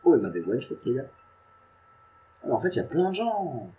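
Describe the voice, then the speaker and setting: A man's voice: medium pitch, very animated, a little fast, dark tone, dull audio. A man giving casual, self-mocking gameplay commentary from a home computer setup, chatting and muttering to himself as he plays. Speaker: gaming YouTuber.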